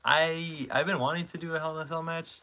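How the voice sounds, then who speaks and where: A Mexican stop-motion creator in his twenties hosts a casual livestream, rambling through viewer comments with plenty of fillers and self-corrections. His voice sits fairly high and sounds pushed and bright, with fairly even intonation and a slightly quick pace.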